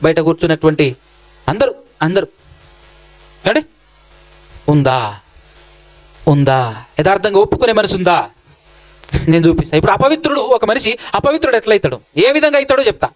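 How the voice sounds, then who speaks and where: A man with a Telangana Telugu accent preaches a sermon in a high voice, firing questions straight at his congregation. He scolds and teases them in turn. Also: big pitch swings, normal speed, pauses often, faint music behind, rough recording. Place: church hall.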